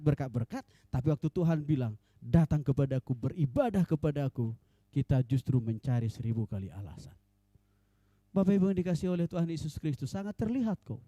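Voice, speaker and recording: A man preaching a sermon in church as pastor, animated and mixing in joking asides. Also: a little high, fairly quick, dry recording.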